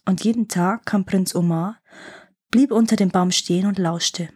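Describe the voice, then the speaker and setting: A woman narrating a fairy tale in a calm, expressive storybook style. Her voice is soft and husky, with a breathy edge, at an everyday pitch. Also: normal speed. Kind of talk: storybook reading.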